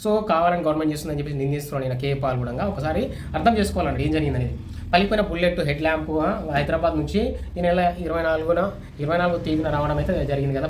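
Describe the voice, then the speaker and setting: A man giving casual, opinionated spoken news commentary, with many restarts and fillers. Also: a little high. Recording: echoey room with faint ambient noise.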